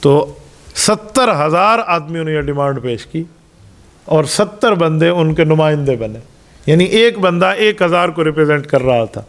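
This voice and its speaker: A middle-aged man preaches a Ramadan Quran lesson with a fairly high voice for a man. He tells religious stories, gives each quoted speaker a voice of his own, and presses his points home with emphasis. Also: expressive. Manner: storytelling, acts out quoted dialogue; explanatory, emphatic. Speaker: mufti, Islamic preacher.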